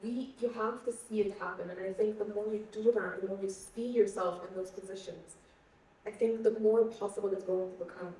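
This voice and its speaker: A young Egyptian woman, a guest speaker on a panel, answers questions earnestly, searching for words and often repeating herself. Her voice is medium-pitched and mellow, with fairly even intonation at a moderate pace. The mic is at a distance in an echoey hall.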